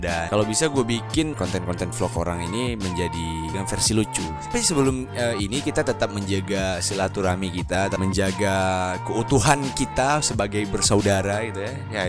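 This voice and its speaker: A young man from Aceh, Indonesia, chatting casually and playfully as a YouTuber reacting to videos. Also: on the low side. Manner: playful, joking, slangy, chuckles often.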